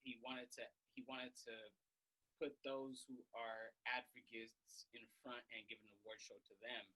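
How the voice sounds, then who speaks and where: A man hosting a casual interview, who reacts to his guest with quick, encouraging remarks. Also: medium pitch, little pitch movement, pushed and bright, rough recording. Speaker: interview host.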